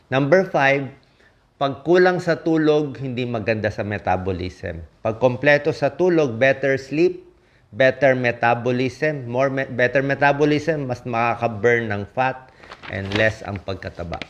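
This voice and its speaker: This Filipino doctor's mid-range voice comes through a muffled recording at a measured pace. His health-tips talk is casual yet emphatic, built on punchy lists, with frequent "di ba?" checks aimed at his listeners.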